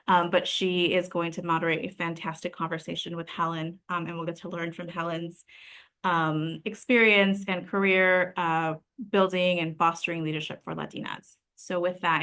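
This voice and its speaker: A woman hosting a webinar, introducing the moderator in a steady, informal way with pauses. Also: fairly low pitch. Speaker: host introducing the program.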